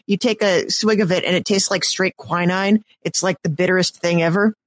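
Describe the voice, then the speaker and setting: A woman telling quick, chatty anecdotes as a guest in a casual podcast conversation. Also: on the low side, steady tone, no room sound. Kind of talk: casual chat.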